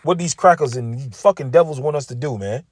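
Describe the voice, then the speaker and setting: A man's voice: mid-range voice, brisk, no room sound. A man giving blunt, profane preaching commentary, emphatic and peppering his points with "right?". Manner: emphatic, repeats "right?" as a check-in.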